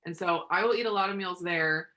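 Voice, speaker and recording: A woman in casual chat among friends, speaking in a measured, unhurried way. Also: on the low side, sharp tone.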